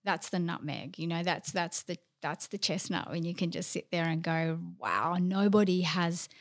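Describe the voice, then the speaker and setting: A woman's voice: on the low side, moderate pace. Upfront chatty woman from Australia. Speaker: podcast guest, lawyer. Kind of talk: casual interview chat.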